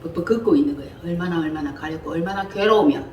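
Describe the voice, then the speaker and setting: A woman leading an interactive Bible lesson, talking in a lively, colloquial way and quizzing her listeners. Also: fairly low pitch, rapid-fire. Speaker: Bible teacher. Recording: echoey room from far off, faint hiss.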